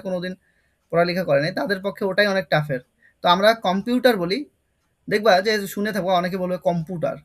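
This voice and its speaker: High-voiced man teaching with a Bengali accent. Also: fairly bright tone. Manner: repeats key terms, quizzes students. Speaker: English teacher. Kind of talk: online exam-prep lesson.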